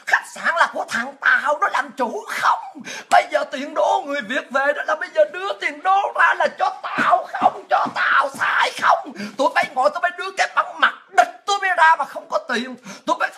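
A woman from Vietnam, delivering a ranting, mocking monologue as a political commentator, often shouting. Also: sits high, lively intonation, fairly quick, hardly any pauses. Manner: shouting, mocking, with crude insults and laughs.

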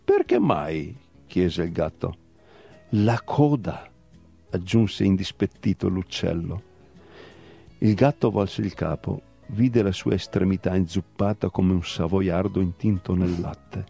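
Man reading a fable out loud, dark gravelly voice, steady storyteller pace. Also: low voice, faint music behind. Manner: measured, storytelling delivery. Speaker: story reader. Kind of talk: scripted narration of a fable.

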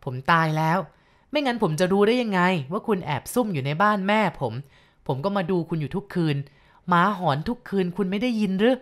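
A woman's voice: mid-range voice, lively intonation, brisk, close to an everyday voice. A woman voicing a remorseful bandit ghost. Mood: eerie.

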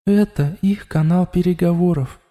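A man's voice: high-pitched, moderate pace, mellow, lightly acted. A man voicing an insistent alien presence inside someone's head, urgent and ominous in turn. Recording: long echoing reverb.

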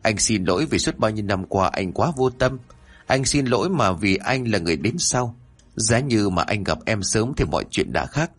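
A man doing a gentle, loving husband. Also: on the low side, lively intonation, normal speed, breathy edge. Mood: tender. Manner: tender, consoling.

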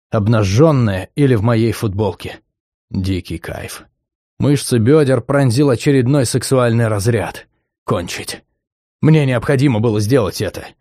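Low-voiced man narrating a novel. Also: mellow, dry recording, clean studio sound. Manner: dramatic, intense reading. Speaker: audiobook narrator. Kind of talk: first-person novel narration.

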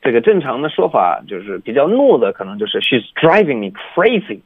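Male language teacher, mid-pitched, patient explainer, dry tinny phone-line sound. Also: very animated, quick pace, husky, no echo. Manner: explains patiently, demonstrating English sounds with exaggerated articulation. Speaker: English pronunciation teacher. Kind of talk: radio language lesson.

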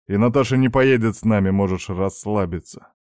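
A man's voice: on the low side, a little fast, a little mellow, no echo, studio quality, natural voice. A man voicing a stern middle-aged father lecturing his teenage son in a firm, reproachful way.

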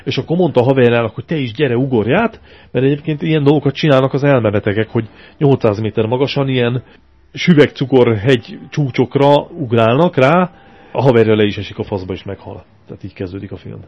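A man co-hosting a casual radio show, reviewing a film in a crude, sarcastic rant. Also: medium pitch. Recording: compressed lo-fi radio archive.

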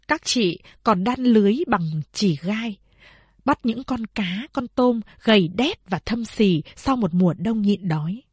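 A woman reading a novel aloud as an audiobook narrator, in a measured storytelling manner. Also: medium pitch, slightly rough, no echo.

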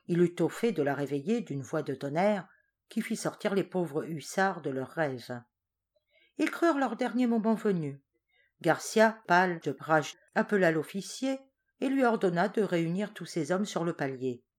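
A woman narrating a classic novel as an audiobook reader, in a steady, expressive storytelling manner. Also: on the low side, moderate pace.

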